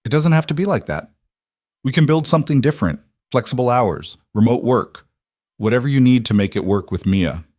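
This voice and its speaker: A man's voice: mid-range voice, animated, a little fast, a little mellow, no room sound, clean studio sound, close to an everyday voice. A man voicing a determined woman executive who speaks earnestly and persuasively.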